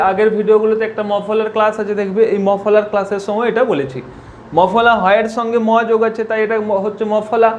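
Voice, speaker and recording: A man's voice: high voice, slight background noise. A man teaching a spelling and pronunciation lesson, repeating each point and asking questions that he answers himself. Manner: repetitive, asks questions and answers them himself.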